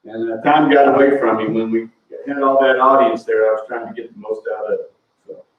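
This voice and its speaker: A man chairing a public board meeting, a bit out of breath, relaxed and halting with fillers. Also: medium pitch. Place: council meeting room. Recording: distant, roomy, tinny phone-like audio.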